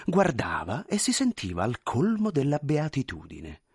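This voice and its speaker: A man narrates a literary story in a theatrical, expressive way. His voice is husky and moves through a very wide pitch range. The sound is dry and close. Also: normal speed, no room sound. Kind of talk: scripted narration.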